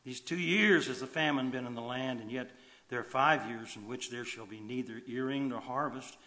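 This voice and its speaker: A man preaching a sermon in an animated way, swinging from loud emphasis to quiet asides. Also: medium pitch, moderate pace. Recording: long hall reverb.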